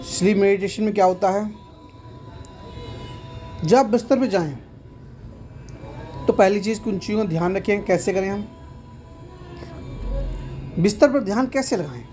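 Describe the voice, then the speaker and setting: A man's voice: high voice, normal speed, pauses often, warm tone, soft background music. A man teaching meditation in an earnest, explanatory way, often repeating himself. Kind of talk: instructional talk to camera.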